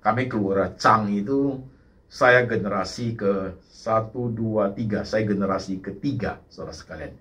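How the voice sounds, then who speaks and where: A male pastor preaching a sermon in an animated way, slipping English words in and often turning to address the congregation. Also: on the low side, normal speed. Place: church service.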